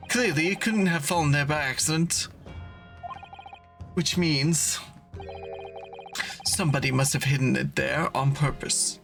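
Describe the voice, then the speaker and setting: A man streaming a game, reading its courtroom dialogue aloud in a measured, earnest way. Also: fairly high pitch, creaky, a bit bright, faint music behind.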